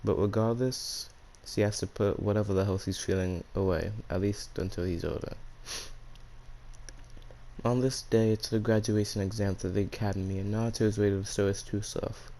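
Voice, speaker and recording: Low mellow man who says W for R. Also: fairly even intonation, normal speed, low-quality recording. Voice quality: speech impediment, pronounces R as W. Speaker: YouTube storyteller and channel host. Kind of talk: casual narration of fan fiction story.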